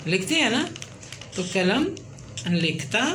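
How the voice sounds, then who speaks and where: A woman teaching letters and words at a slow, unhurried pace, counting each letter out loud. She pauses to check in as she goes. A faint hiss runs behind her voice. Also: medium pitch, very animated. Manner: counts letters aloud, checks in with "theek hai". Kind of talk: slow step-by-step writing lesson.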